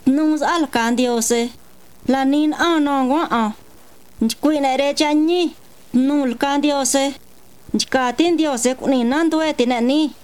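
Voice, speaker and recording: A woman reading a Bible passage aloud in a measured, steady way. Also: high voice.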